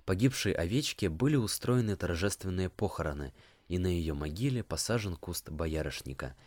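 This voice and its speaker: Sex: man. Role: audiobook reader. Style: measured scripted narration. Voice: very deep. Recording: dry and close. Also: expressive, no room sound. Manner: measured, storytelling.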